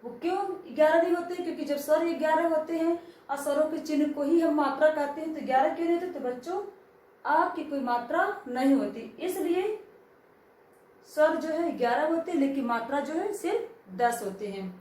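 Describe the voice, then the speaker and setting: A high-voiced woman teaches a grammar lesson, asking children questions and then answering them herself. She sounds a little away from the mic, in a strongly echoing room with faint background hiss. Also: a little fast, a little mellow, recorded from a distance.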